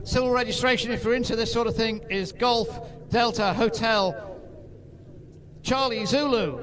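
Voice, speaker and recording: High-pitched male airshow commentator. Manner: informative, addresses the crowd, lightly wry asides. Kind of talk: live airshow commentary over public address. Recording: outdoor event with crowd and aircraft noise.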